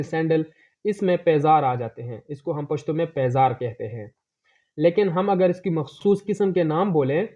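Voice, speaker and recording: A man teaching vocabulary in a lesson, slowly repeating each word several times. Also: a little high. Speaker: language teacher. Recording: dull lo-fi recording.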